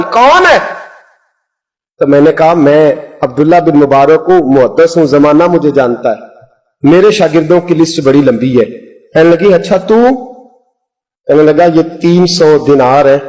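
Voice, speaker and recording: Impassioned high-voiced preacher. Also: male voice, a little mellow, rough recording. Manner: impassioned, voices rising high when quoting others; breaks into sung Punjabi verse. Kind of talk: devotional story sermon.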